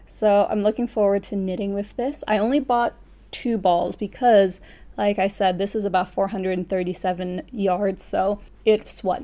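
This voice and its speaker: In a small furnished room at home, a knitting vlogger in her twenties chats casually to camera, rambling and correcting herself as she goes. Her voice is mellow and medium in pitch.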